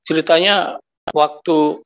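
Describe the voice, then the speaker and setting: A middle-aged man tells his personal testimony with a gravelly, fry-laden voice pitched a little high. He repeats phrases and climbs into anguished cries, all on a dull, lo-fi recording. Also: steady tone, takes it slowly, fairly bright tone. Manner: emotional, repetitive, rising to cries of anguish. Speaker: convert giving testimony.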